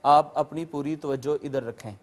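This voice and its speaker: A man teaching a recorded language lesson to viewers, patiently explaining word by word and slowly reciting terms. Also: a little high, fairly even intonation. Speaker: Quran teacher. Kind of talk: recorded classroom lecture to viewers.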